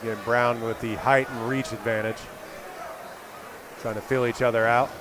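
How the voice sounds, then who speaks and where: A man's voice: medium pitch, level tone, moderate pace, background noise. A man giving live play-by-play commentary at a boxing event. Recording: loud music behind live commentary.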